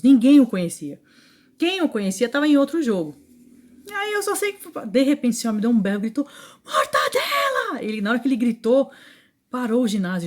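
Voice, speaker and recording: Woman referee telling lively stories. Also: on the high side. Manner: lively storyteller, many restarts and asides. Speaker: handball referee. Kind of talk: interview anecdote.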